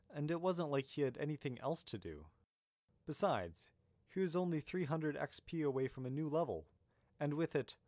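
A man's voice: medium pitch, a little mellow, no room sound. Guy reading a fan audiobook, matter-of-fact, dead dry close mic. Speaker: audiobook narrator. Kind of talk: fan fiction audiobook narration.

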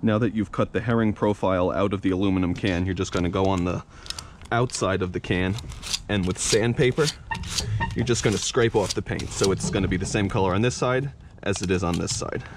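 This clip features a young man running a fishing channel, giving a laid-back, hands-on demo outside at a workbench. He speaks a little fast in a low-pitched voice against a noisy background. His delivery is relaxed and full of "you know" and "uh."

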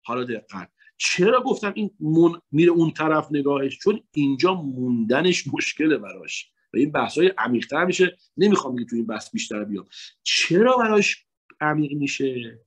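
A man from Iran with a husky voice giving a religious lecture on psychology, emphatic, his tone jumping between loud high points and hushed asides.

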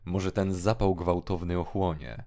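A gentle older village priest, read by a man who speaks softly and soothingly. The voice is deep and hushed, with a slow and consoling pace. It is an audiobook drama reading. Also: fairly even intonation.

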